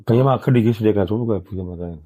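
An older man, talking in an emotional interview, soft and halting, often trailing off quietly. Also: lowish voice. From Gujarat, India. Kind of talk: emotional interview, plain talk.

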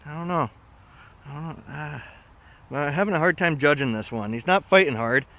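Clear background noise surrounds this outdoor action-camera recording, worn on the body of a man vlogging as he fishes from a riverbank. He talks a little fast in a fairly high, pushed, bright voice, excitedly throwing slangy exclamations at himself and a companion.

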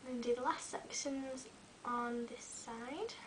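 Curling her hair in a small fairy-lit bedroom, a young woman beauty vlogger who has a cold chats slowly with fairly even intonation, dropping many ums. Her voice is fairly high and a little croaky. She's set back from her webcam, so she sounds slightly far off, with faint hiss beneath.

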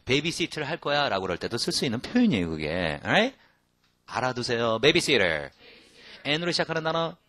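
Korean-speaking male English teacher, animated and jokey, spells out words slowly, bright voice, dry close sound. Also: medium pitch, no room sound. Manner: lively, joking, repeats phrases slowly and spells them out letter by letter. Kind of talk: casual spoken English lesson.

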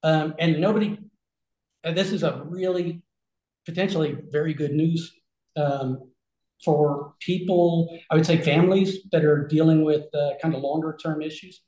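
Man, forties, webcam call, roomy small office, fairly high voice, chatty explaining, fillers and restarts. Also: fairly even intonation, moderate pace, dark tone. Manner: conversational, many fillers and restarts, talks with his hands. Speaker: regenerative health concierge. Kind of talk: casual explanatory talk on a video call. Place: small room with shelves, indoors. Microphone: video call webcam. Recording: echoey room.

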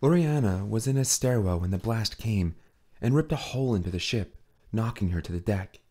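Mellow-voiced man narrating an audiobook. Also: fairly low pitch, expressive, moderate pace. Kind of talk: scripted narration.

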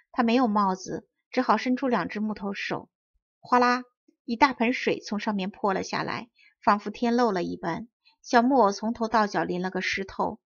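A woman narrating a children's story with clear, careful enunciation. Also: medium pitch, dry recording, muffled recording. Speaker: storybook reader.

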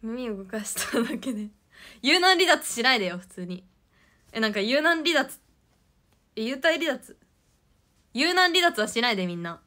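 A woman's voice: on the high side, very animated, moderate pace, long pauses, pushed and bright. A young woman hosting a casual idol livestream, giggly and chatty as she reads out viewer comments.

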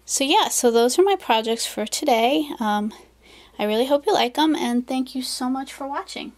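A woman crafter chatting through her projects in a casual show-and-tell, gushing and soft-spoken, with many fillers. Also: high-pitched, lively intonation, normal speed. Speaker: craft vlogger.

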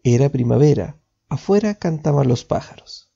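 Gravelly dark male storyteller. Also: medium pitch, expressive, normal speed. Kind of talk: storybook reading. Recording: dull lo-fi with faint music.

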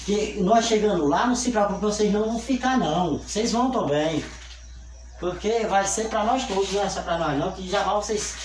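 A man's voice: high voice, slight background noise. An older Brazilian man, sick with fever, rambling and pleading with his viewers while he cleans up a small home kitchen, filmed on a phone camera set on the counter. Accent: Brazilian Portuguese. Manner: rambling, pleading, repeats himself. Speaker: family channel vlogger. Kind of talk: casual vlog appeal to viewers. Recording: echoey kitchen with faint ambience.

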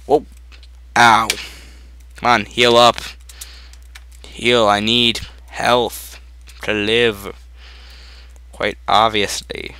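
Young male let's-player, jumpy comedic game commentary, bright voice, slow unhurried delivery. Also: on the low side, clean tone. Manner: excitable, jokey, talks to game animals. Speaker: Let's Play host. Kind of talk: gameplay commentary.

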